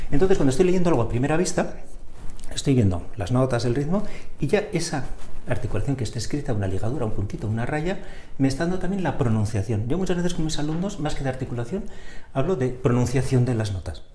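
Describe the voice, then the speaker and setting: Man, music teacher, sings practice syllables, warm mellow voice, echoey room, faint noise. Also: mid-range voice, sing-song, quick pace. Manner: demonstrates articulation by singing syllables; checks in with short "mm?". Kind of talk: instrument lesson with spoken syllables. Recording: roomy echo, faint noise.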